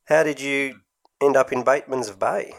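A man's voice: medium pitch, steady tone, normal speed, creaky, a bit bright. A man hosting a casual interview, asking questions in a jokey, teasing way. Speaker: interview host.

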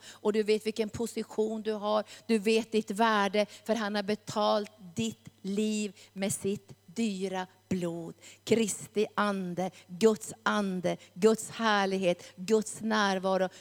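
A woman preaching a sermon with a fervent, repetitive cadence. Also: medium pitch. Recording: long hall reverb.

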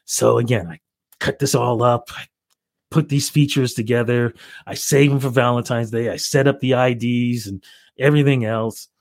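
A man's voice: mid-range voice, normal speed, no echo. A middle-aged Canadian man, a radio reporter, telling stories as an interview guest and acting out both voices of remembered phone calls. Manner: animated storyteller who acts out both sides of remembered phone calls. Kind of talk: casual storytelling in an interview.

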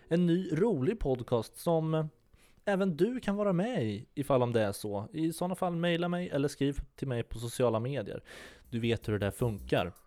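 A man hosting a podcast, chatting briefly with his guest and then wrapping up with a relaxed sign-off that invites listeners to subscribe and get in touch. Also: mid-range voice. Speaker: podcast host. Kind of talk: podcast chat and outro. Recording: faint music underneath. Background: faint music.

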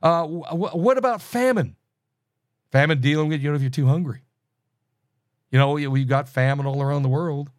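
Guy teaching scripture, kinda higher voice, dry mic, keeps restarting sentences. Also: little pitch movement, a little fast, no room sound. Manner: conversational, many restarts, asks rhetorical questions. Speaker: Bible teacher. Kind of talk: verse-by-verse Bible teaching.

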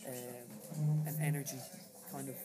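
A man with an Irish accent giving a casual, halting interview as an author, in a low-quality recording. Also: flat delivery, heavy background noise. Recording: low-quality recording, loud crowd chatter behind.

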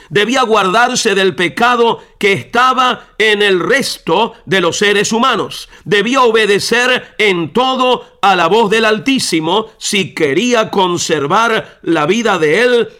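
Slow, bright-voiced male radio preacher. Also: sits high. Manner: earnest, direct appeal to the listener. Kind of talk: devotional radio sermon with storytelling.

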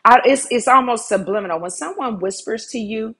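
A woman's voice: a little high, brisk, a bit bright, husky. A woman preaching a sermon in an earnest way, repeating key phrases for emphasis.

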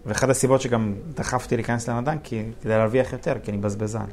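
Gravelly-voiced man telling lively stories. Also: mid-range voice. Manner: animated, laughing storyteller acting out dialogue. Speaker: real estate investor guest. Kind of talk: casual storytelling interview.

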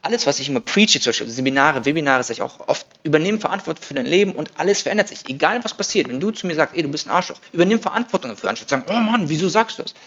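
A man in his thirties talks at a quick clip with a gravelly, creaky edge. He speaks energetically, jumping into voiced quotes of his own thoughts. The sound is dull and lo-fi. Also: on the high side, animated, fairly bright tone. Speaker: guest. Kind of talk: casual podcast conversation.

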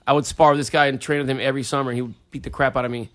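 A middle-aged man in casual chat, telling excitable stories and calling everyone dude. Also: mid-range voice, racing. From United States. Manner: excitable storytelling, says dude a lot.

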